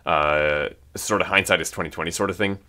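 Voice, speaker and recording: Low-voiced man, rambling and hesitant. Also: fairly even intonation, a little fast, pushed and bright. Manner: rambling, hesitant, many restarts. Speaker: music creator. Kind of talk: casual commentary video.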